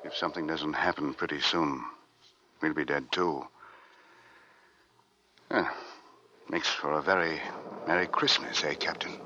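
A young sailor narrating gravely. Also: male voice, extremely low pitch, steady tone, measured pace, long pauses, sharp tone, lo-fi sound, a little hiss or hum, exaggerated voice. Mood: weary. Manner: earnest, grave storytelling narration. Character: young male sailor stranded on Arctic ice, steady and grave.

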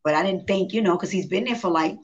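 Speaking fast in a lowish register, this female singer is being interviewed casually. Her storytelling is animated, full of acted-out quotes and frequent laughter, and the live stream sound is dull and lo-fi.

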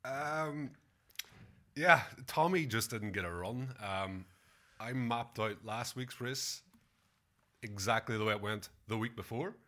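A man's voice: mid-range voice, slow, pushed and bright. A man giving his racing tips and explanations in casual chat. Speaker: greyhound tipster on a talk show.

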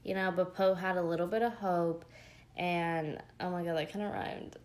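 A woman's voice: fairly low pitch, fairly even intonation, moderate pace, a little mellow. A young woman chatting casually as she recaps a show, rambling with lots of fillers and gushing asides. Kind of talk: casual chat.

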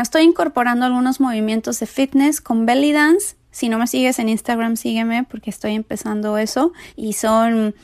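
A woman's voice: a little high, darkish tone, no echo, clean studio sound. A young woman hosting a casual podcast, chatty and rambling, laughing as she talks. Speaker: podcast host, nutrition creator.

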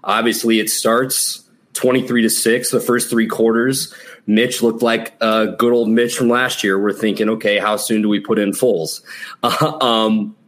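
A man from the Chicago area talks sports as a show guest. His voice sits fairly low and his style is casual, like a podcaster chatting with fellow fans. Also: little pitch movement, unhurried, fairly bright tone. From Chicago area, United States.

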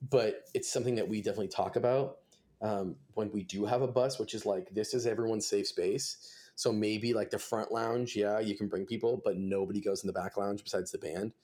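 This twenty-something man, a touring musician, chats on a laid-back podcast with a lowish, warm voice. He talks briskly with fairly even intonation, cursing often and wandering through filler-heavy stories.

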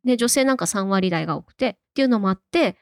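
A woman in her thirties with a cute, high, anime-girl voice, speaking as a guest reporter in a casual podcast discussion. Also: expressive, fast talker, no room sound, clean studio sound. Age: 30s.

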